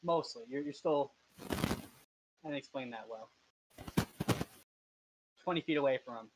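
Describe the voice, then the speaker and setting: A man's voice: mid-range voice, measured pace, very noisy. A man running an online tabletop game as game master, explaining the scene with hesitant fillers. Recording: dull lo-fi mic.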